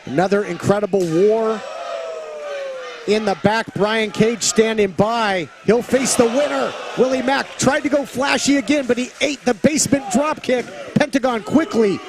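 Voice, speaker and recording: A man calling a wrestling match play-by-play as an excited commentator, with loud, dramatic calls of the moves. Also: very high-pitched, moderate pace, noisy background. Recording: loud arena crowd and music behind. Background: cheering crowd and music.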